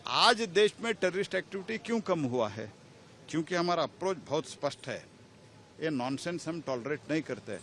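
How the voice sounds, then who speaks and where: A man, a politician, giving halting but emphatic comments to reporters. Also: on the high side, animated, a bit bright, a little hiss or hum. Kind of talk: press comment.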